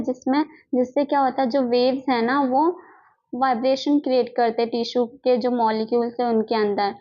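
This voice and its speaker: A woman with an Indian accent teaches a physiotherapy lesson, reading out her notes and explaining them step by step, often repeating herself and adding little check-in tags. Her voice is high and a little mellow. The lo-fi microphone gives a dull sound.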